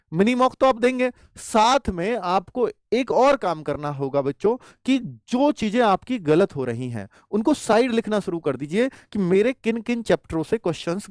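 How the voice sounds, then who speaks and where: Man, exam coach, animated advice to students, dry recording. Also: high-pitched, no room sound. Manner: animated, addresses students as "bachhon" and "bhai". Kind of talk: motivational exam advice talk.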